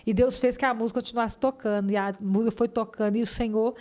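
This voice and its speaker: Fervent Brazilian woman with a warm voice. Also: fairly high pitch, steady tone. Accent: Brazilian Portuguese. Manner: fervent, heartfelt, pace swinging between rushed and slow. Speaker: guest giving a religious testimony. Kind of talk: emotional testimony in an interview.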